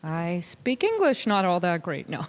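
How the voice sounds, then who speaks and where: A woman reading a picture book aloud in a deliberate, pausing way, acting out short bits of dialogue and saying Spanish words a little haltingly. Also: lowish voice, huge pitch swings. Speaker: reader of a children's story at a church service. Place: church service, reading aloud to a gathering.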